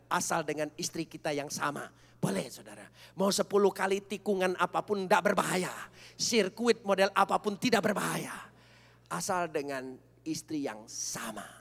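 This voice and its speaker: A middle-aged man, a pastor, telling his own story to a church congregation, dramatic, dropping to hushed whispers and rising to shouts. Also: on the high side, vocal fry. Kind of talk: testimony sermon to a congregation. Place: large church service.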